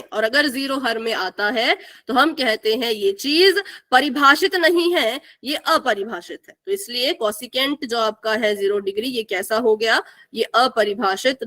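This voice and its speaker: A woman's voice: a little high, moderate pace, few pauses, pushed and bright. A young woman teaching a live online math class, asking the students questions and repeating the key answers.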